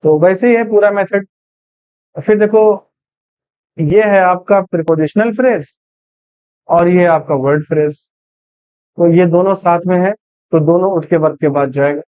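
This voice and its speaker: A man's voice: high voice, measured pace, pauses often, a little mellow, smooth, dry recording, dull audio. Man teaching English grammar in Hindi. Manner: patient, repeats questions to students. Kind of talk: Hindi-language grammar lesson.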